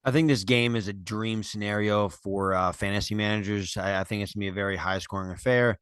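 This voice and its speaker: A man co-hosting a sports podcast speaks in a low, smooth, resonant voice. The sound is dry and close. He gives earnest, measured analysis, peppered with fillers. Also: steady tone, a bit bright, no echo. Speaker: podcast co-host. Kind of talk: casual sports talk.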